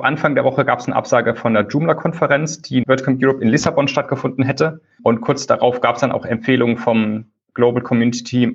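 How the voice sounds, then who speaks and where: A man being interviewed over a low-quality phone call, explaining things at length in a loose, conversational way. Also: slightly rough. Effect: low-quality phone call recording. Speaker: conference lead organizer, interview guest. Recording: dull lo-fi phone call audio.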